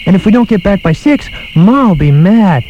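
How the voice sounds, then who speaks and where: An actor playing a nervous boy walking his dog through a dark cornfield in a comedy radio play. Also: high-pitched, expressive, normal speed, over loud music, poor audio.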